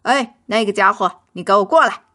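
A woman voicing a rude, hot-tempered young male puppy in a children's audio story, with gruff, barking shouts. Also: medium pitch, big pitch swings, moderate pace, exaggerated voice. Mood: rude, angry.

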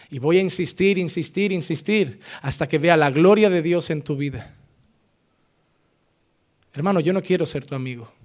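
A pastor giving a sermon, emphatic and insistent, driving points home through repetition. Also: male voice, fairly high pitch.

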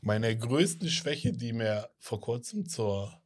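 Blunt, teasing young man with a husky voice. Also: mid-range voice, expressive, slow pace. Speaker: podcast co-host. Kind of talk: casual chat.

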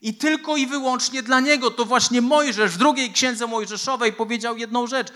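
A man's voice: very high voice, normal speed, pushed and bright. A man preaching a sermon as a pastor, emphatic and mixing in personal stories.

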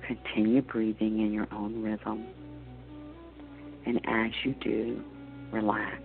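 A man acting as a spiritual teacher leads a guided meditation, giving slow, counted deep-breath instructions with long pauses. His hushed, soothing, measured voice is creaky with little pitch movement, and his soft phrase endings trail off. The dull lo-fi recording has soft meditation music in the background.

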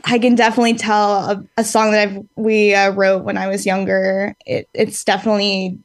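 A band singer in her late twenties, appearing as a podcast guest, talks casually in an interview with a medium-pitched, flat, brisk voice. She rambles a bit and reflects aloud, filling gaps with ums and laughing easily, all recorded close and dry.

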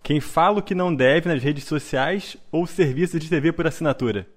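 Relaxed slangy male co-host. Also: fairly high pitch, brisk. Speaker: podcast co-host. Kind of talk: casual chat.

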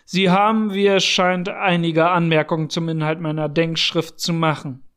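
A man's voice: fairly high pitch, flat delivery, moderate pace, clear, resonant tone, natural voice. A man voicing a short, explosive, arrogant older male scientist who blusters and sneers in an audiobook reading. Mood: curt, cold. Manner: blustering and contemptuous, bursting into shouting.

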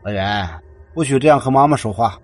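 A man's voice: medium pitch, brisk, soft background music, natural voice. A man voicing a stern but earnest male university counselor who tries to mediate between mother and daughter. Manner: stern, then pleading.

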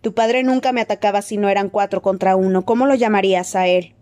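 A woman's voice: medium pitch, steady tone, fast talker, a little mellow, lightly acted. A woman reading a sneering stern professor. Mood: mocking. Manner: sneering, taunting. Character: scornful stern male professor, cold and mocking.

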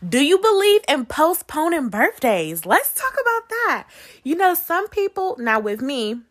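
With a high, sing-song voice and measured pace, a woman hosts a podcast on her own. She talks conversationally and casually, asking her listeners questions.

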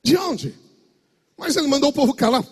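A man preaching a sermon as pastor with a Brazilian Portuguese accent, swinging between shouts and a sing-song preaching cadence. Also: extremely high pitch, animated, fairly quick. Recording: long hall reverb.

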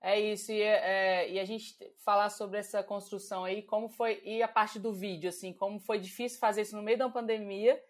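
A Brazilian woman co-hosting a podcast, steering the conversation with questions in a relaxed, conversational way. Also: medium pitch, brisk, few pauses. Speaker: podcast co-host. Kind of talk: casual podcast chat.

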